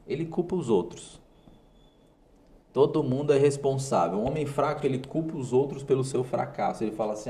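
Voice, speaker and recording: A fairly low, dark male voice with a Brazilian Portuguese accent fronts a motivational talk. The host is emphatic and addresses the viewer directly, relying on punchy short phrases said again and again.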